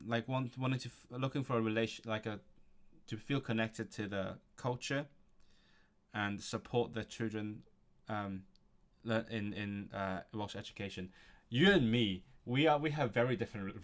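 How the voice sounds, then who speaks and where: A man with a lowish voice streams a language study session at normal speed, reading from a textbook and thinking aloud. He chuckles often during this casual livestream commentary.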